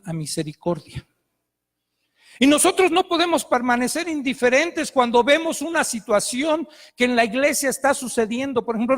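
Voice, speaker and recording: A man's voice: very high voice, long reverb tail. A male pastor, preaching a sermon with emphatic storytelling.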